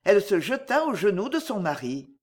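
An audiobook narrator telling a period novel with a lively, expressive read. The voice sits at a middle pitch and moves widely up and down. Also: moderate pace. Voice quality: expressive storytelling delivery.

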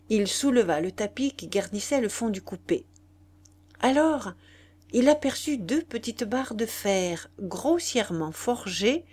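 A woman reading a novel aloud in a measured, expressive storytelling manner. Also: medium pitch. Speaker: audiobook reader.

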